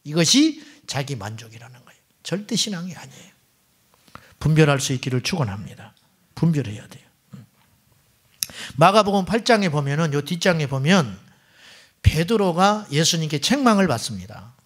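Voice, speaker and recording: Male senior pastor, middle-aged, sermon delivery with a fairly high, very animated pitch; rhetorical questions, sudden hushed asides. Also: moderate pace, pauses often, slightly rough. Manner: preaching, rhetorical questions to the congregation; swings between loud exclamations and near-whispered asides. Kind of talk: Friday night sermon.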